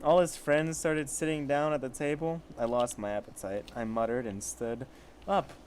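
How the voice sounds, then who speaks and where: A man with a mid-range, darkish voice reads amateur fiction aloud at a moderate pace, casually tossing in sarcastic, profane asides. There's slight background noise.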